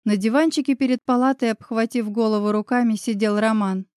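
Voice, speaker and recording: A woman reading a first-person audiobook, expressive and emotional in the heroine's lines. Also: on the high side, a little fast, no echo, studio quality. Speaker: audiobook narrator.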